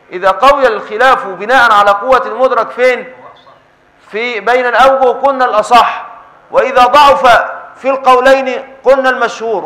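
A man with an Egyptian accent teaching a classroom lesson on jurisprudence, talking fast in a high, bright voice. He keeps tossing questions at his students and answering them himself. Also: poor audio. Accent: Egyptian Arabic. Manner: constant call-and-response questioning of students. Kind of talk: classroom lesson explaining a text.

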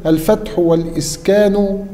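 Male student reader, high mellow voice, slow recitation, reverberant room. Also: fairly even intonation. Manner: recites slowly, answers briefly. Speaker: student reading the text. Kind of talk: reading a classical text aloud.

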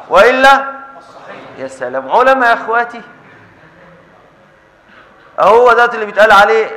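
Rapid, high-voiced Egyptian teacher quizzing students. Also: male voice, pushed and bright, poor audio. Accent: Egyptian Arabic. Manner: constant call-and-response questioning of students. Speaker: teacher of Islamic jurisprudence. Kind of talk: classroom lesson explaining a text.

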